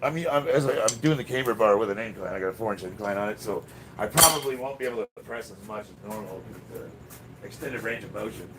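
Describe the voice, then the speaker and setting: A man with a raspy, smoker-like voice chatting casually and bluntly on a livestream about his workout, swearing and bantering with commenters. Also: lowish voice, fast. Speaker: livestreamer lifting weights. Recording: distant mic with loud background noise.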